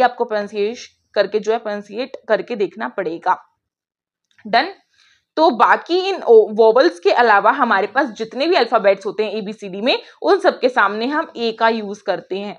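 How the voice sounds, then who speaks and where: A young woman teaching an online grammar class, chatty, asking her pupils questions and answering them herself. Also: fairly high pitch. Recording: dull lo-fi sound.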